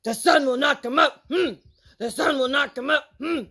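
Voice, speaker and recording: A woman voicing a big, proud, stubborn male bear who chants loudly and firmly. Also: fairly even intonation, a little slow, vocal fry, full character voice. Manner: low, firm, chanting.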